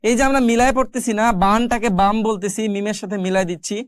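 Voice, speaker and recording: A woman teaching the rules of Quran recitation, explaining each step patiently with questions to the listener and stretching out the example sounds slowly. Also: medium pitch, no echo, clean studio sound. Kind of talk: tajweed lesson with slow, drawn-out recitation examples.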